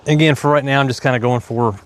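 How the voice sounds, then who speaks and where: A man's voice: medium pitch, fairly even intonation, fast talker, a little hiss or hum. A man with an Appalachian hillbilly twang, giving casual, folksy commentary as he works and thinks aloud on a livestream. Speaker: farmer livestreaming his work. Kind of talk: casual impromptu livestream commentary while working. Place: outdoors in a windy farm garden.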